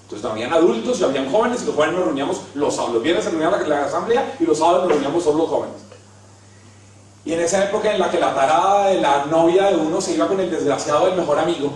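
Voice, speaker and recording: A Colombian preacher with a high voice tells funny stories about himself, dropping to a hush and then rising again. He sounds far from the mic in a very echoey hall. Faint noise sits under the recording. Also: expressive, quick pace. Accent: Colombian Spanish. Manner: storytelling, self-mocking, swings from hushed to loud. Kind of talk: humorous sermon. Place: large hall.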